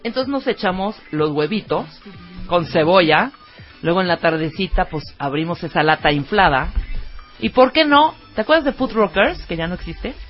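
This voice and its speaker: A woman with a Mexican Spanish accent, co-hosting and telling a story in casual chat, animated and laughing, acting out voices. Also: on the low side, moderate pace, lo-fi sound, soft background music. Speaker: co-host.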